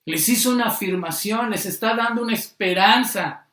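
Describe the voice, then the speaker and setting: A man preaching a sermon, repeating phrases and slowing down on the key words for emphasis. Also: high-pitched, bright, forceful tone, reverberant.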